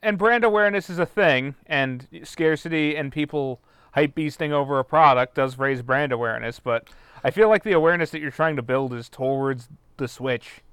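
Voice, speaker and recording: A man's voice: on the high side, normal speed, fairly bright tone, clear, resonant tone, no echo. A man with a clean, resonant voice gives blunt opinions in casual podcast talk and swears now and then. The sound is close and dry, with no room around him. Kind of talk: casual chat.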